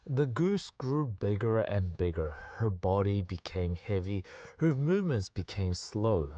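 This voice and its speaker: A man narrating a story on a radio show, in a measured storytelling voice. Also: on the low side, sing-song, warm tone, dry recording, highs cut off. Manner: measured narration, quick laughing chat. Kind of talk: scripted narration and casual chat.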